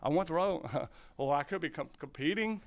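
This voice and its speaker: A man's voice: fairly high pitch, expressive, normal speed. A man from southern Ohio who teaches sign language, giving a loose, self-correcting talk and questioning his audience.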